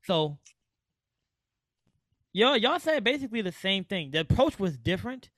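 A man hosting a podcast, chatting casually in relaxed slang. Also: high-pitched, moderate pace, dry recording. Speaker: podcast host. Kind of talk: casual chat.

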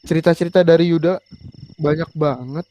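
A man's voice: a little high, fairly even intonation, brisk, mellow. A male podcast host chatting casually and encouraging his guest with frequent short affirmations. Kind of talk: casual chat.

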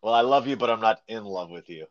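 A man hosting a podcast in casual, joking chat, upbeat at times and dropping to low mumbles at others. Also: fast, muffled recording. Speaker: podcast host.

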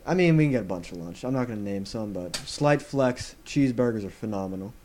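A man's voice: on the low side, animated, fast talker, darkish tone, a little hiss or hum. A teenage boy co-hosting a casual podcast, wry and offhand. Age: teens. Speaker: podcast co-host. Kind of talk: casual chat.

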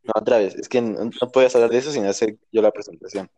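A man's voice: lowish voice, fairly even intonation, fast talker, mellow. A young man with a Mexican Spanish accent hosting a casual podcast, joking and rambling with crude slang. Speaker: podcast host.

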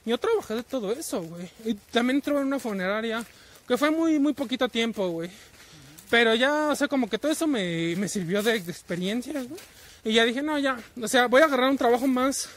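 An extremely high-pitched, fairly bright male voice belongs to a man in his twenties with a Mexican Spanish accent. Travelling in a vehicle, he rants through stories casually and profanely, heavy on slang, tacking "güey" onto nearly every phrase.

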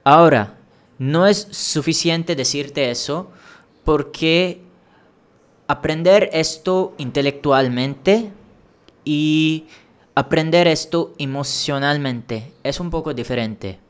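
An Indian man with a higher, clean-toned voice hosts a language-learning podcast on his own. He offers advice in a measured, encouraging way, restarting a few phrases here and there.

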